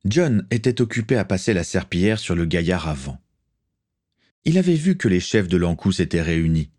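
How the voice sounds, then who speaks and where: A man narrating an audiobook with a low-pitched voice. He reads at an even, steady pace, with the smooth delivery of scripted storytelling. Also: moderate pace.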